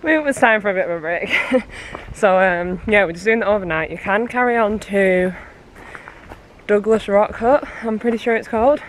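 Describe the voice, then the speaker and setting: A woman's voice: mid-range voice, moderate pace, slight background noise. A woman vlogging on a mountain hike, chatting casually and trailing off with fillers. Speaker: hiking vlogger. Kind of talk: casual vlog chat. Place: outdoors on a mountain track and in a backcountry hut.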